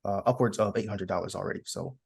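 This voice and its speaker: Fast-talking husky young man. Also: deep voice, steady tone. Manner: fast, easygoing, enthusiastic. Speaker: podcast co-host. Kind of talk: casual chat.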